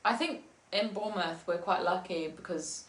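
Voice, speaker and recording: A young English musician chats casually in an interview, giggling often and filling gaps with ums and likes. Her voice is lowish at a normal speed, and the recording sounds roomy.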